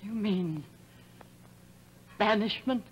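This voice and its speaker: A woman's voice: medium pitch, extremely slow, slightly rough, muffled recording. An actress playing a proud, bitter, wronged sorceress queen in grand declamatory 1950s stage tragedy style. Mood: pleading.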